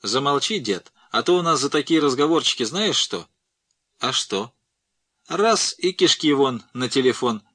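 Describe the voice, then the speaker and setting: A man's voice: mid-range voice, lively intonation, measured pace, a bit bright, pitched above the performer's own voice. A man voicing a swaggering young male rebel soldier who mocks and threatens an old man. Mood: taunting. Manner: mocking, bullying.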